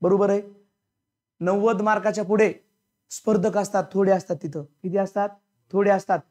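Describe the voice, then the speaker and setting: A man's voice: high-pitched, fairly even intonation, normal speed, dark tone. A male teacher stands before his class and runs a call-and-response grammar drill. He repeats each question to the room until the students answer it. His speech is colloquial and blunt, with the occasional scolding edge of a strict coaching-class instructor.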